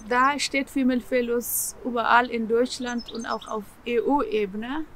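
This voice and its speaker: A woman speaks slightly high and halting, filling pauses while she hunts for the next word. She is interviewed outdoors in a garden, with a faint hiss of open air behind her. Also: steady tone, fairly bright tone, rough recording. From Afghanistan. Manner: searching for words, frequent fillers and restarts. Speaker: co-founder of the association. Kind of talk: interview answers to camera. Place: outdoors in a garden by leafy plants.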